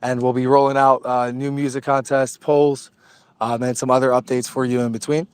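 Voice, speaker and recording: A man's voice: mid-range voice, level tone, moderate pace, clear, resonant tone, no echo. A man hosting a casual community voice chat, upbeat and rallying his listeners. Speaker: crypto community host.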